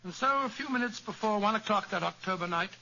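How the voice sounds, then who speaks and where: An actor playing a loyal, blustering older British doctor in an earnest 1940s radio style. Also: male voice, high voice, lively intonation, fast, creaky, bright, forceful tone, exaggerated voice. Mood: narrating. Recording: dull old radio recording, faint noise.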